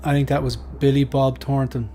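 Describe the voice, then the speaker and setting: A man taking part in a quiz, chatting casually and reasoning out loud in a rambling way. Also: medium pitch, flat delivery, moderate pace. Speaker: quiz contestant. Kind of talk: casual chat, thinking out loud. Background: faint music.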